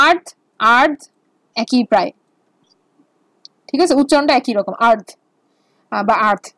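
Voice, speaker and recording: In this online lecture, a woman with a high voice walks through basic Arabic grammar. She's patient, repeats her words and leans on fillers as she explains, and the audio has no echo.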